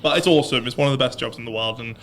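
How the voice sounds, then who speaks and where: A man's voice: mid-range voice, rapid-fire, a bit bright, a little hiss or hum. A man, co-hosting a casual podcast with playful, self-mocking jokes. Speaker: co-host.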